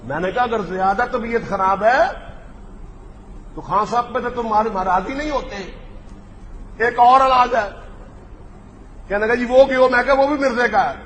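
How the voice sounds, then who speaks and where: A man's voice: extremely high pitch, moderate pace, pauses often, a bit bright. A man giving a polemical religious speech, mocking and acting out the exchanges he tells. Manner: mocking storyteller, acts out quoted exchanges. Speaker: religious speaker. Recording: echoey hall, faint background noise.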